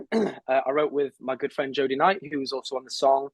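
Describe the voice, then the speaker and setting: A man's voice: mid-range voice, fairly quick, husky, no room sound, low-quality recording. A man in his twenties, a songwriter guest on an interview, talking in a chatty, rambling way with many fillers and restarts. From England. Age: 20s. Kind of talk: casual interview chat.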